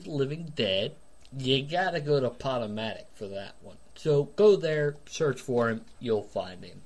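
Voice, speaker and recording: A man co-hosting a podcast in casual chat, crude and joking, arguing back and forth with his partner. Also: medium pitch. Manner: crude, joking, argumentative banter. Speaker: podcast co-host.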